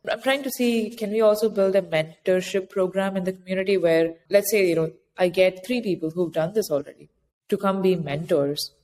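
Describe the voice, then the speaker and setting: A woman with a lowish, darkish voice appears as an interview guest, an author who advises immigrant founders. She gives practical, explanatory advice in a conversational way. The recording has echoey, hall-like reverb and clearly audible background noise.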